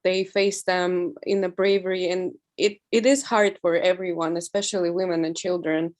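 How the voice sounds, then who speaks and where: A young woman in her twenties with a Ukrainian accent, speaking earnestly and haltingly as an interview guest, with many fillers and restarts. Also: on the low side, steady tone, darkish tone. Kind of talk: remote interview.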